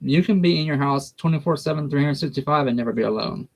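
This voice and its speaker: A man's voice: fairly high pitch, quick pace. A man giving a casual tarot reading, blunt, folksy and unfiltered. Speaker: tarot reader.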